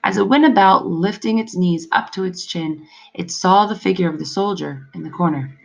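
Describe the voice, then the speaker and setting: A woman narrating a storybook aloud in an expressive, measured way. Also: on the low side, gravelly, poor audio.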